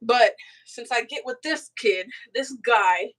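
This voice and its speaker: A woman guest in a casual chat over a video call, telling stories in an animated, slangy way. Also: a little high, takes it slowly, rough recording. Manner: animated, laughing storyteller with slangy phrases.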